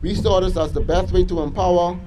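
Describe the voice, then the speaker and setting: A young man with a Bahamian accent delivers a motivational school speech in an earnest, measured way, often listing things. His voice sits a little high but sounds mellow and warm. Faint ambient noise runs behind him. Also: fairly even intonation, poor audio. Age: young adult. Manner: earnest, measured, list-like delivery with small restarts. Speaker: business owner giving a school speech. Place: school assembly hall.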